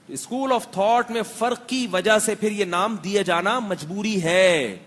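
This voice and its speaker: A middle-aged religious scholar from Pakistan addresses a seated crowd in a conversational lecture. His voice sits high for a man, and he keeps quizzing the audience with rhetorical questions and dry jokes. The sound carries a long reverb from a large hall. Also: fairly bright tone. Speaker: Islamic scholar giving a talk.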